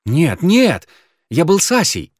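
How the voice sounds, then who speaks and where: A frantic, pleading young man in a radio-style audiobook scene, as a male reader puts him on. His voice climbs high and grows loud as he insists he is innocent. The sound is close and dry, with no room echo. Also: huge pitch swings, slow pace, slightly rough, heavily acted. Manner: frantic, shrill, swearing innocence.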